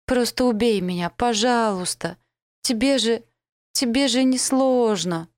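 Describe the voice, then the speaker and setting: A woman's voice: fairly low pitch, steady tone, moderate pace, no room sound, studio quality, lightly acted. A woman reading an audiobook and voicing a terminally ill young woman who pleads through tears. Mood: sobbing. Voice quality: tearful, pleading. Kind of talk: audiobook character voice.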